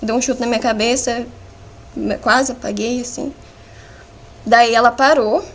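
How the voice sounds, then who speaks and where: Brief: Brazilian woman, defendant on the stand, raised pitch, rough gravelly edge, halting fragmented retelling. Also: steady tone. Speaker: defendant under questioning. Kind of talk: courtroom testimony. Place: courtroom hearing.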